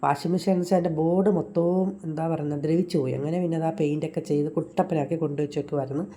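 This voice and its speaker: A middle-aged woman tells a voice-over story of her day at home. She rattles through it at a breakneck pace in a dark, mellow, low voice. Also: steady tone. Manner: rushed, homely storytelling. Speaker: home vlogger.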